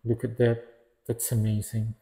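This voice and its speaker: A man's voice: fairly low pitch, monotone, normal speed, dark tone. A man reviewing an action figure in a casual, hesitant way, often stopping to restart and correct himself. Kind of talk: casual product review narration.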